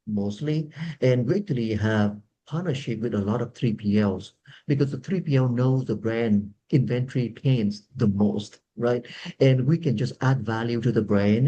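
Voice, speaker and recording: Man, panelist on a video call, earnest explainer; mellow tone, dull low-fi audio. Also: a little hiss or hum. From Vietnam. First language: Vietnamese. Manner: earnest, explanatory, repeats words when searching. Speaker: startup founder, panelist. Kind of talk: webinar panel discussion.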